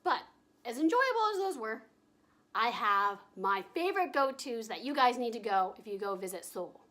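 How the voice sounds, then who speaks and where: A young woman talking through her travel vlog in a bubbly, giggly way, gushing with drawn-out enthusiasm. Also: a little high, big pitch swings, bright, forceful tone, a little hiss or hum. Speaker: travel vlogger. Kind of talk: casual vlog narration.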